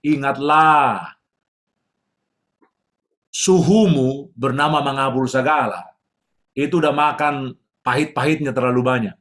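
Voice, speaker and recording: A man's voice: medium pitch, unhurried, long pauses, a bit bright. A man preaching a sermon as pastor, emotive, posing questions and answering them himself.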